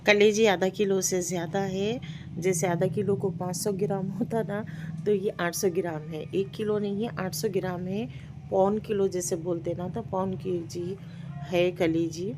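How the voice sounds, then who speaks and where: Chatty Hyderabadi home cook, kitchen noise. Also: female voice, mid-range voice, fairly even intonation, unhurried. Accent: Hyderabadi Hindi-Urdu. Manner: chatty, explains each step with repeated words. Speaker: home cooking vlogger. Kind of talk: casual cooking voice-over. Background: frying and sizzling.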